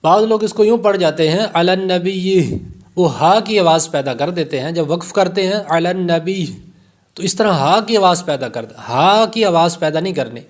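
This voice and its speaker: A man with a Pakistani Urdu accent, his voice sitting a little high for a man, teaches Quran recitation for beginners. He rattles through rules for each letter, then stretches every word out in careful, slow recitation. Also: expressive. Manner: slow drawn-out recitation of single words between quick explanations. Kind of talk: tajweed lesson, explaining then reciting words slowly.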